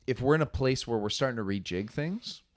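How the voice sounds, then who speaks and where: A man's voice: mid-range voice, lively intonation, a little fast, no echo. A man co-hosting a podcast in casual chat, laid-back and wry, agreeing easily and swearing now and then. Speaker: podcast co-host.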